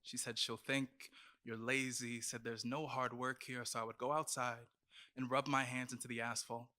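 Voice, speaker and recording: A man performing spoken word slam poetry with a dramatic, deliberate delivery. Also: mid-range voice, flat delivery. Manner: dramatic, deliberate delivery building from quiet to impassioned. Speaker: slam poet.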